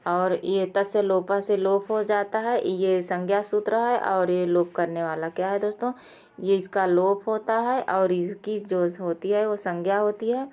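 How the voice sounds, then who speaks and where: A woman teaching Sanskrit exam questions, going through each answer, often calling out to her viewers and correcting herself with a quick apology. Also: mid-range voice, steady tone, mellow, smooth. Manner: addresses viewers as friends, with fillers and self-corrections. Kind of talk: quiz lesson explaining answers.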